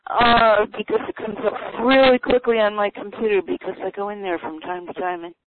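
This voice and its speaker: A woman author talks through her journaling book in a chatty, unhurried way, thinking aloud as she goes. She comes through a thin, tinny phone line with noise hissing under her voice. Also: mid-range voice, fairly even intonation. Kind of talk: casual talk on a phone call. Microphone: telephone.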